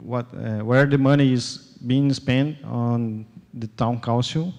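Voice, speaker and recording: A young Brazilian man with a Portuguese accent giving a conference talk in English, speaking in halting phrases with many fillers and restarts. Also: medium pitch, creaky, darkish tone. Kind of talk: tech conference talk with live demo. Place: large conference hall. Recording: long hall reverb.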